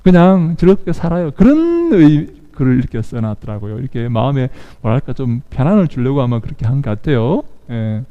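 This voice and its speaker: A man's voice: mid-range voice, sing-song, a little fast, hardly any pauses, dark tone, muffled recording. A male pastor preaching a sermon in a dramatic way, asking rhetorical questions of the congregation.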